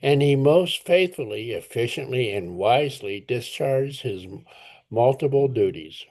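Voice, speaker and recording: A man reading a passage aloud to a study group, careful and a little halting, stumbling and correcting himself. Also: mid-range voice, animated, darkish tone.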